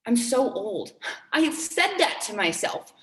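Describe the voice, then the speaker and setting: A woman's voice: a little high, sing-song, slow pace, a bit bright, roomy sound. A woman in her twenties giving a motivational talk to her team, earnest and upbeat, repeating key phrases for emphasis. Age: 20s. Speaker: team trainer.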